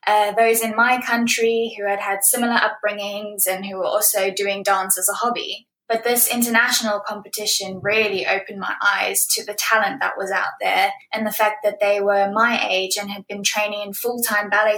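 A woman in her twenties, a ballet dancer answering interview questions earnestly, with soft laughs between phrases. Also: mid-range voice, gravelly. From South Africa. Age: 20s. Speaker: guest, professional ballet dancer. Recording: roomy echo.

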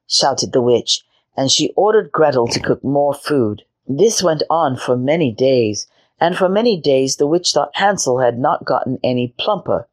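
A woman with a notably low voice narrates a children's fairy tale as a storytelling host. Her reading is gentle and measured, paced for young listeners. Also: expressive.

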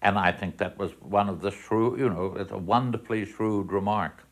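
A man's voice: lowish voice, normal speed. A man speaking in an interview in a reflective, musing way, often saying "you know" and restarting his phrases. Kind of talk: interview commentary.

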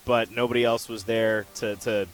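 A man giving relaxed, chatty color commentary on live volleyball for radio, breaking down how each play unfolded. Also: lowish voice, moderate pace. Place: arena broadcast position high above the court.

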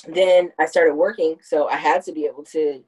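A husky, slightly mellow woman's voice sits low and keeps a steady tone at normal speed, though the audio is poor. She's a podcast host in her thirties having a casual chat, reflective and prone to long explanations.

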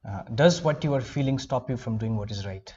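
A man's voice: mid-range voice, a little fast, a little mellow, slightly rough, highs cut off. A male interviewer asking questions in a supportive, affirming way. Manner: supportive, frequent short affirmations. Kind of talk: casual interview.

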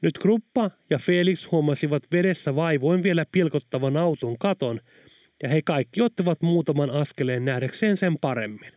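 A man narrating an audiobook in a steady, even storytelling manner. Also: fairly high pitch, no room sound. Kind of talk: scripted narration.

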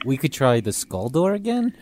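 A man's voice: medium pitch, big pitch swings, normal speed, a little mellow, a little hiss or hum. A man playing a tabletop game, casually suggesting moves to the group.

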